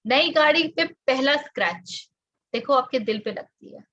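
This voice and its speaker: A woman's voice: sits high, expressive, unhurried, fairly bright tone. A woman with an Indian accent giving a reflective spiritual talk, mixing Hindi and English and drawing out her English phrases. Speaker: spiritual teacher. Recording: dull lo-fi audio.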